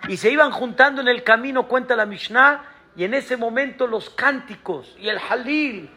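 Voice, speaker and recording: A rabbi giving a sermon, pressing the congregation with emphatic rhetorical questions. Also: male voice, very high voice, moderate pace, pushed and bright.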